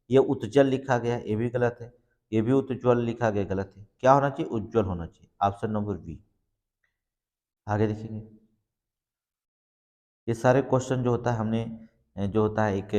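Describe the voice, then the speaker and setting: The teacher is a man whose mid-range voice has a slightly mellow quality. Long room reverb hangs over his exam-prep lesson as he explains each answer step by step and double-checks it repeatedly.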